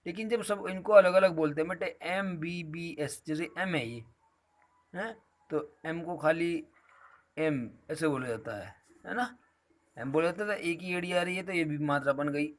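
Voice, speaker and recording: Speaking at a normal speed, a man teaches grammar to his students with patience, his voice slightly on the high side. He tosses in a fond "beta" as he explains.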